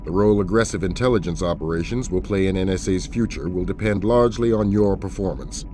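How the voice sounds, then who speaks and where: A man playing a composed, authoritative intelligence colonel in a video game, measured and businesslike. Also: deep voice, lightly acted. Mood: collegial, businesslike. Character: composed, authoritative male colonel running covert operations. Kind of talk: video game cutscene acting.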